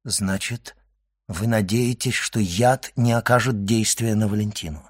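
A man voicing a grave doctor who questions an old man in a low, hushed and urgent voice. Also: measured pace, slightly rough, no room sound, clean studio sound. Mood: hushed probing.

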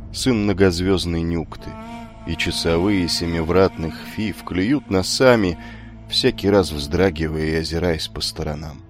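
Deep-voiced male audiobook narrator. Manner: measured, storytelling.

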